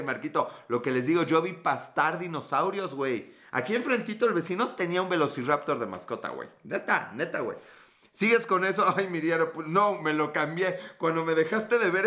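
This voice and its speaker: A man's voice: on the high side, pushed and bright. A man in his thirties with a Mexican accent, hosting a casual, joking live stream and reading out viewer comments. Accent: Mexican Spanish. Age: 30s. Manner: joking, profane, reads out chat comments.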